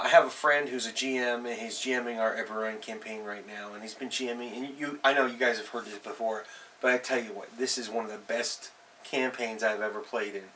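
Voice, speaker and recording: A man with a bright, medium-pitched voice hosts a tabletop role-playing advice show, offering casual, unscripted advice. He's recorded on a distant mic, with faint noise in the background.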